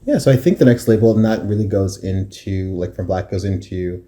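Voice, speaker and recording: A man from Africa co-hosting a casual podcast chat, animated, laughing often and restarting his sentences. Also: deep voice, fairly quick, a little hiss or hum. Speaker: podcast co-host. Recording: roomy echo.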